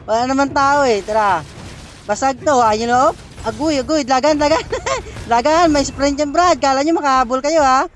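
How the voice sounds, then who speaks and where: A man streaming a mobile game, giving excitable play-by-play commentary, laughing often and taunting his opponents. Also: very high voice, moderate pace, slight background noise. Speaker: gaming streamer. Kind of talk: live gameplay commentary.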